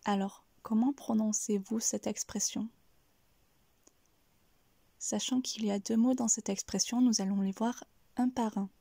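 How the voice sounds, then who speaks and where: A woman giving a careful pronunciation lesson, breaking each word into syllables in a soft, breathy delivery. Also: a little high, steady tone, a little slow, pauses often, no echo. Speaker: French pronunciation teacher.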